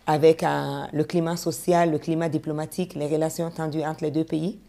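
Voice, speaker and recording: A woman with a very low, mellow voice, hosting an interview. She asks her guests questions and keeps them going with short murmurs of assent. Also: little pitch movement, brisk, gravelly. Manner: brief prompting backchannels.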